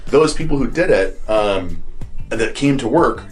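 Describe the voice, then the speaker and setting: A man's voice: mid-range voice, animated, unhurried, rough recording. A man speaking casually and unscripted as a company boss showing visitors around, talkative and often rephrasing as he goes. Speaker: company CEO giving a tour. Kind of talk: casual unscripted tour talk.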